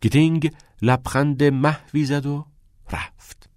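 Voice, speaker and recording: A man reading a novel aloud as an audiobook narrator, in measured storytelling. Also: a little high, steady tone, darkish tone, no echo, clean studio sound.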